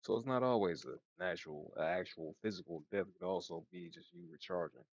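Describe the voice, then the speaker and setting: A man reads tarot in a low-pitched voice over background music. His speech is informal and slangy, with a slight slur and lisp from the retainer in his mouth. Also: expressive, a little fast, slightly rough, dull audio. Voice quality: slightly slurred, lisping speech from wearing a retainer. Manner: informal, slangy, laid-back. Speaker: tarot reader. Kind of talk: casual tarot card reading.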